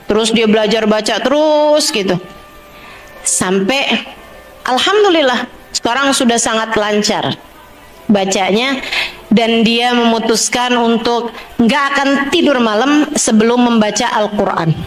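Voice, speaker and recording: A woman's voice: a little high, measured pace, long pauses, soft background music. A female religious teacher giving a chatty, humorous sermon to a women's gathering, talking straight to her listeners. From Indonesia. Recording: echoey hall.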